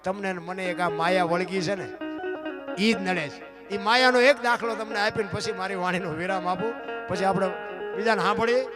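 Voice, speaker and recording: A man's voice: sits high, steady tone, moderate pace, music in the background. A man giving a folk moral discourse to a gathering, firing rhetorical questions at his listeners and calling them "bapu". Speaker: folk storyteller at a dayro gathering.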